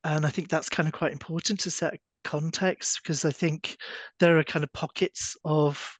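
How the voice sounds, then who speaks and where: A man's voice: fairly high pitch, fairly even intonation, normal speed, no echo. Reflective man from West England. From West England near the Welsh border. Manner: reflective, many fillers like "kind of". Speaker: library union representative. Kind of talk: panel discussion.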